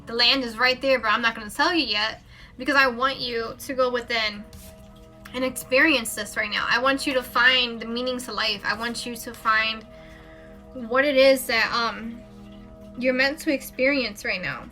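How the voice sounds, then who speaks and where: A woman's voice: on the high side, steady tone, moderate pace, pushed and bright, soft background music. A woman with children doing a casual, rambling spiritual card reading live, with plenty of fillers and self-corrections. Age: adult parent. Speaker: tarot reader.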